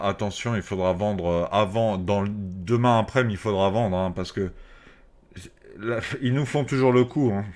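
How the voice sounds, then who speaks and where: A man speaking through a face mask, giving casual, off-the-cuff market commentary to his viewers in informal, slangy language with some swearing. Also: on the low side. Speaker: crypto trading video host.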